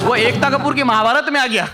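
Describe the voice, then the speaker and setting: A young man performing a stand-up comedy set on stage, telling a story and acting out the other people in it. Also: very high-pitched. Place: stage before a live audience.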